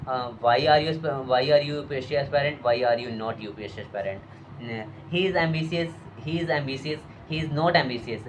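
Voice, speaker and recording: Halting man drilling sentences. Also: mid-range voice, a little hiss or hum, poor audio. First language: Hindi. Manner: halting, many fillers and restarts, mixing Hindi and English. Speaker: English practice teacher. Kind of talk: casual spoken English drill.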